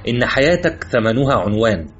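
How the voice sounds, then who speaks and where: A man voicing a cold, threatening Russian agent in an audiobook, calm and mocking, in a slightly muffled recording with faint music. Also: mid-range voice, brisk, pitched above the performer's own voice. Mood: menacing. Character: cold menacing male Russian agent holding a gun. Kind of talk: audiobook character voice.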